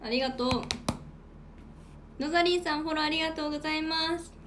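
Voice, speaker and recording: A woman from Hokkaido sits close to the mic for a solo livestream and talks in a high, bright register. She reads out viewer comments and thanks each one in a relaxed, playful way, snacking as she goes. A faint hiss of background noise sits under her voice. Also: fast talker. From Hokkaido, Japan. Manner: chatty, playful, eats while talking. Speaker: idol livestreamer. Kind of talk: casual solo livestream chat.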